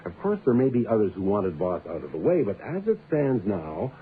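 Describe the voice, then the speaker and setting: An actor playing a gruff, skeptical police inspector with a blunt, insistent manner in a radio detective drama. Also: male voice, on the low side, big pitch swings, brisk. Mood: hard-nosed, skeptical. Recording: lo-fi, noisy old radio recording.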